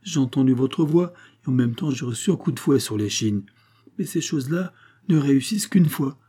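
A man's voice: medium pitch, expressive, normal speed, warm tone, slightly rough, pitched above the performer's own voice. A man reading aloud as a naive young peasant lad who talks in an earnest, pleading way.

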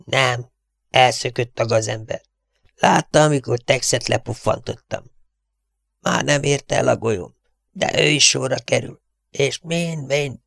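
Mad outlaw father in an audiobook, hoarse hissing whisper, wheezy and menacing, voiced by a male reader, dry close sound. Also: mid-range voice, fairly bright tone, no room sound, pitched above the performer's own voice. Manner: menacing, cackling, barking. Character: crazed vengeful outlaw father, raspy whisperer.

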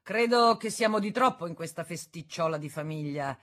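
A woman's voice: on the low side, expressive, normal speed, a bit bright. A woman reading an audiobook aloud, voicing a haughty aristocratic man who gives orders with a commanding manner. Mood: imperious.

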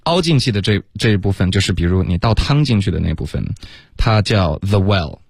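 A man co-hosting a radio English lesson, explaining pronunciation in a relaxed, chatty way, often pausing on fillers and laughing. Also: low voice, creaky, breathy edge, no echo, studio quality. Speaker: English teacher, co-host. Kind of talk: casual explanatory chat mixing in English. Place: radio studio.

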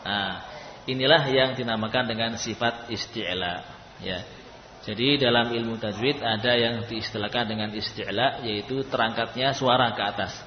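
A man teaching a class to read Arabic letters, who sounds them out loud and explains them patiently. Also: mid-range voice, a little hiss or hum. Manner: patient, demonstrates letters loudly and slowly. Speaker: Quran reading teacher. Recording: echoey hall, dull lo-fi sound.

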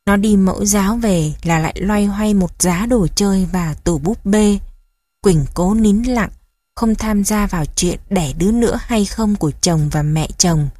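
A woman narrating a family drama audiobook in a calm, measured way. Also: medium pitch, no room sound.

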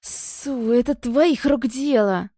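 A woman's voice: fairly high pitch, brisk, dark tone, dry recording, clean studio sound, lightly acted. A woman reading the lines of a desperate, spiteful young woman who pleads and accuses in an audiobook. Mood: bitter. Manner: pleading then bitter and accusing.

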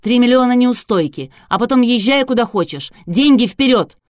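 A woman's voice: deep voice, lively intonation, quick pace, no room sound, studio quality. A woman voicing a stern, commanding female chief editor who barks orders, in an audiobook. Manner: commanding, barking.

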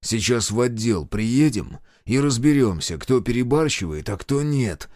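A man voicing a gruff, suspicious police major who barks orders in an audiobook. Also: medium pitch, big pitch swings, fairly quick, no echo, clean studio sound, lightly acted. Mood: barking. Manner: barking orders.

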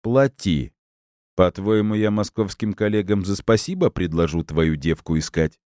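A man voicing a smug, cynical police colonel who speaks in measured, sarcastic, deliberate words. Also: low-pitched, dark tone, dry recording, clean studio sound, voice pushed up, natural voice. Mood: cold, sarcastic.

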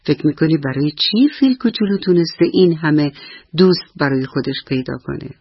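A woman storyteller voicing a kind mother squirrel, speaking tenderly and coaxingly with a husky voice. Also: sits low, lively intonation, no room sound, dull audio, heavily acted.

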